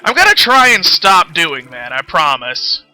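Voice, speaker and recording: On a game stream, a man tells stories in a casual, rambling way, absent-mindedly losing his thread again and again. His voice is fairly high and sing-song with a sharp edge, and he talks a little slowly. The recording is rough, with music playing in the background.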